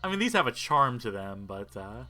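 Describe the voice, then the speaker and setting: A man's voice: medium pitch, big pitch swings, moderate pace. A man doing casual gameplay commentary with wry, folksy asides. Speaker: video game streamer. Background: game music and sound.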